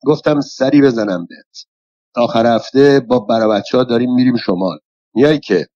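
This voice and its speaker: A man voicing a jovial male engineer friend who teases in quick, bantering speech. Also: mid-range voice, dark tone, dry recording, natural voice. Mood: teasing. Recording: dull, lo-fi dry recording.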